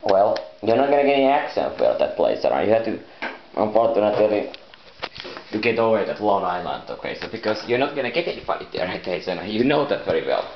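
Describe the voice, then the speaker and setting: A man who is not a native English speaker, talking in a rambling, unscripted solo vlog with halting, repetitive, loosely broken phrasing. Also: fairly low pitch, big pitch swings, gravelly, a little hiss or hum. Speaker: vlogger. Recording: echoey room, dull muffled sound.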